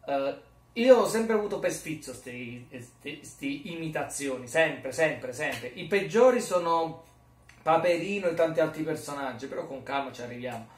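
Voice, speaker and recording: A male vlogger chatting casually, rambling and joking at his own expense. His voice sits a little high for a man. The room is echoey, and the mic picks him up from a distance. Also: animated, moderate pace. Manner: rambling, jokey, self-mocking. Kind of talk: casual chat. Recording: roomy echo, mic far off.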